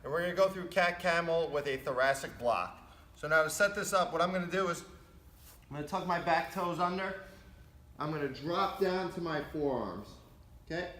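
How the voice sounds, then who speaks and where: Careful, unhurried male instructor, echoey room. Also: fairly high pitch, sharp tone. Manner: careful, unhurried step-by-step delivery. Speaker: fitness instructor leading a class. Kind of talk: instructional demonstration.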